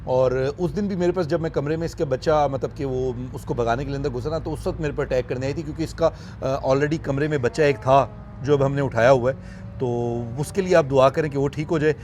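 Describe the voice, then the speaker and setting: A man's voice: medium pitch, brisk, a little mellow, slight background noise. A man, filming outdoors at his animal farm, soothing and coaxing his animals and speaking sorrowfully to his viewers. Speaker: wildlife farm owner and vlogger. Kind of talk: casual vlog talk to camera.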